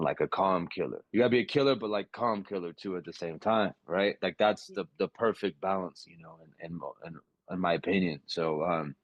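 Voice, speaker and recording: A young man, a boxer and podcast guest, talking in a relaxed, rambling way with many fillers and restarts over a video call. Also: low-pitched, no room sound, muffled recording. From United States, West Coast. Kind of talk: casual podcast interview.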